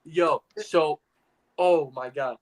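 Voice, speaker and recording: A man's voice: on the high side, slow pace, crowd noise, rough recording. A young man co-hosting a podcast, telling a story casually and acting out the dialogue, repeating words for effect. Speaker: podcast co-host.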